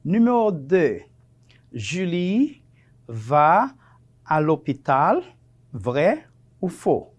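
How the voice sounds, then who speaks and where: A male teacher giving a televised French lesson, speaking slowly and patiently, spelling words out and repeating them. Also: fairly high pitch, big pitch swings, husky.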